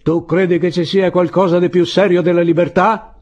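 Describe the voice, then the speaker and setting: A man's voice: sits low, normal speed, darkish tone, husky, highs cut off. A man voicing a fervent anarchist militiaman with a grenade, speaking with a challenging tone, in an audiobook reading.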